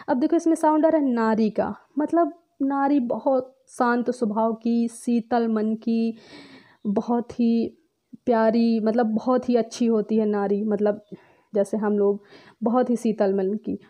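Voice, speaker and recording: A woman's voice: on the high side, mellow. A young woman gives a chatty, playful lesson on memory tricks, acting out little scenes. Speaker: teacher.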